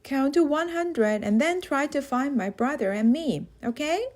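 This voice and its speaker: Woman playing a little girl, high voice, bossy and whiny, storybook. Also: lively intonation, measured pace, a little mellow. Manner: whiny, pleading. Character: young girl, playful and bossy.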